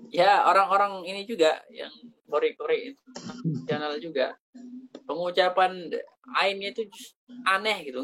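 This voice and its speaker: A man's voice: on the high side, a bit bright. Man teaching Quran pronunciation. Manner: explains slowly, demonstrating Arabic sounds then translating into Indonesian. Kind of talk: teaching Arabic letter pronunciation.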